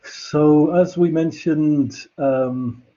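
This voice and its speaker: A man's voice: on the high side, fairly even intonation, extremely slow, dark tone, dull audio. A man giving a university lecture, explaining ideas patiently and step by step with examples. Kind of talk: classroom lecture.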